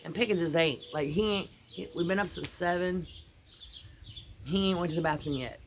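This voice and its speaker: American woman, casual rambling chat, porch recording, birds and insects behind, clear outdoor noise. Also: on the low side, normal speed. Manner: rambling and animated, voices her dogs' thoughts. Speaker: vlogger.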